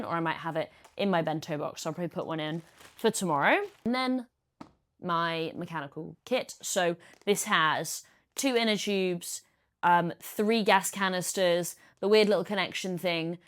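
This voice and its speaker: A woman, talking through her triathlon kit in a casual how-to vlog, chatty and practical. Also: fairly low pitch. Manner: chatty, practical, explains step by step. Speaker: triathlete vlogger.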